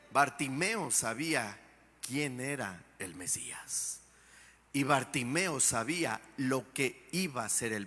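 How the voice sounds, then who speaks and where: Male pastor preaching with emphasis, bright voice, long church reverb. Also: medium pitch. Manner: emphatic, asks the congregation rhetorical questions. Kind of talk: sermon.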